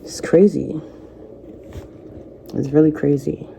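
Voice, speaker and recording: A woman in her thirties, a vlogger, speaking softly and reflectively to camera, offering faith-based encouragement. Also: low voice, fairly even intonation, slow pace, creaky, a little hiss or hum. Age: 30s. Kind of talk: personal talk to camera.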